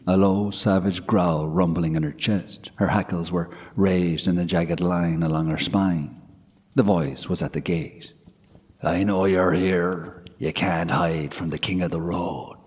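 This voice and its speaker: A man narrating a scripted ghost story in a measured, hushed way. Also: low voice, slightly rough. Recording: long hall reverb.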